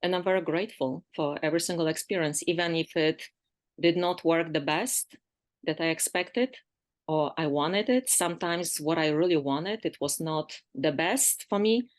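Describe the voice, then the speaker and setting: Polish-accented woman in her sixties, lower voice. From Poland. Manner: thoughtful, philosophical, with many fillers and restarts. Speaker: podcast guest. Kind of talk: reflective interview conversation.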